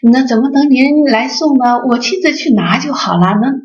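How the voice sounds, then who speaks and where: A woman acting out a wife who speaks softly and fawningly to her boss, in a dull lo-fi recording. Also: high voice, expressive, normal speed, voice pushed up. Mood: sweetly fawning. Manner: soft, fawning, honeyed. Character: bossy wife turned sweetly deferential to her boss.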